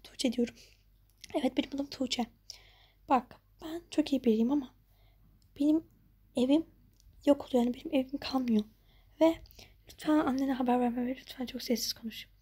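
A woman voicing a homeless young woman neighbor in a whispered role-play, talking in a hushed, pleading way. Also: sits high, normal speed, pauses often, lightly acted.

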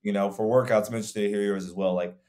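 Speaking very fast in a lowish, mellow, steady-toned voice, a young fitness coach co-hosts a podcast over video call. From a room at home, he keeps the conversation casual, reflective and rambling, with lots of fillers.

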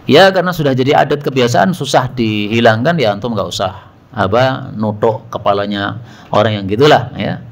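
A man's voice: mid-range voice, moderate pace, creaky. A man giving a religious study lecture, telling stories with animation, acting out quoted voices and questioning his listeners. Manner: animated storytelling, acts out quoted voices, asks the audience questions. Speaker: Islamic preacher.

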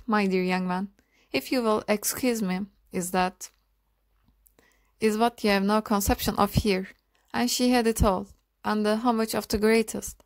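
A woman's voice: mid-range voice, dry recording, natural voice. A woman voicing an effusive older society aunt in an audiobook, reading her lines in a gushing, theatrical manner.

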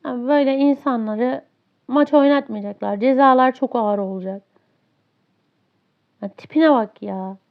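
A high-pitched woman talks over her gameplay in a frustrated, ranting way, complaining about a teammate. The audio is a bit dull and lo-fi. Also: vocal fry. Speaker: gaming streamer. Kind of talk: live gameplay commentary.

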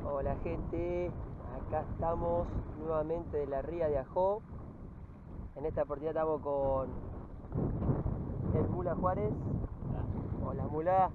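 High-voiced Argentine fishing host, windy outdoors. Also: male voice, steady tone, measured pace, pauses often, phone-quality sound. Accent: Argentine Spanish. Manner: chatty, upbeat, addresses viewers. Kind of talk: casual outdoor commentary.

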